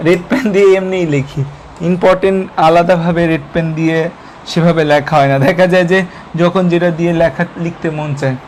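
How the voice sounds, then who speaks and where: Young guy teaching biology, highish voice, keeps asking then answering himself, bit of faint hiss. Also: steady tone, fairly quick, darkish tone. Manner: repetitive question-and-answer teaching, code-mixing English terms. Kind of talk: online lecture.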